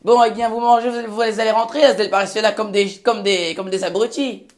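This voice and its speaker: A man's voice: high-pitched, fairly even intonation, a little fast. A man performing a comedy sketch as a grumpy, crude boyfriend who swears constantly.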